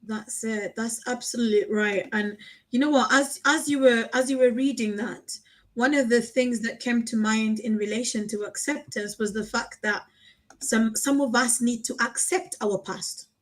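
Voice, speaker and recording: High-voiced, encouraging woman host. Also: normal speed, rough recording. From Africa. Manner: animated and encouraging, emphatic repetitions. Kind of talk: casual live conversation.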